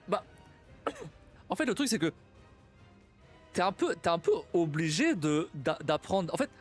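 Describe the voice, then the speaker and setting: This young live streamer, from a Portuguese family, talks casually while thinking aloud, tripping over words, repeating, restarting, and laughing a lot. His voice sits high with a sing-song quality, and soft music plays underneath.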